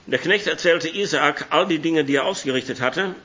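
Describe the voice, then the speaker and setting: A man with a cold gives a sermon in a church hall, mixing casual talk with the congregation and reading Bible passages aloud. His fairly high, hoarse voice sounds bright and forceful at a normal speed, though the recording is a bit muffled and lo-fi.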